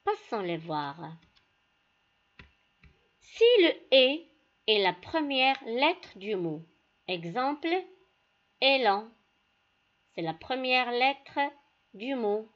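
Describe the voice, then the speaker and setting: A woman teacher walks pupils through a lesson at a slow, careful pace. Her voice sits a little high and moves through a wide, lively range of pitch. The recording is dull and lo-fi. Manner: slow, deliberate, addresses pupils directly. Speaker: primary school teacher. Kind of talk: classroom lesson.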